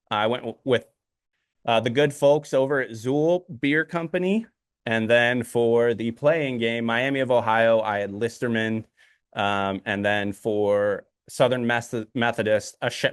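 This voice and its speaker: A man's voice: medium pitch, no room sound, clean studio sound. A man co-hosting a podcast, rambling casually with many ums and uhs. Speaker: podcast co-host. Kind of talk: casual chat.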